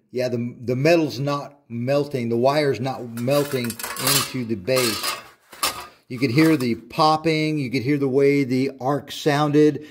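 A man in his thirties walks through a welding lesson at an unhurried pace, each step spelled out carefully. His voice sits at an ordinary middle pitch. He sounds like he is recording in his own auto shop on a camera mic. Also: a little mellow. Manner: slow, deliberate, instructive. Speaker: welding instructor. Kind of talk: step-by-step tutorial narration.

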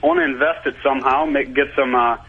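A man's voice: medium pitch, wildly swooping pitch, fast talker, creaky, husky. A man in his twenties calling in to a radio show, sounding like he is on speakerphone, talking casually and hesitantly with lots of restarts. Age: 20s. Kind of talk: call-in radio chat. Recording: tinny phone line.

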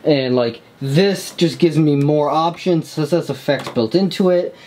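A man's voice: a little high, measured pace, warm tone. A young man in his twenties vlogging to a handheld camera, chatting loosely with lots of fillers about his home music studio. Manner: rambling, filler-heavy with lots of "like" and "um". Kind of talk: casual vlog talk to camera. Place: outdoors in an apartment parking lot, then a small home music studio. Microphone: handheld vlog camera close to the face.

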